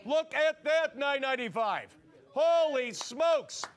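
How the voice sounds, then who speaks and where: High-voiced man repeating sales pitches. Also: lively intonation. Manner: fast, repetitive, urging viewers to yell sold. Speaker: shopping show host.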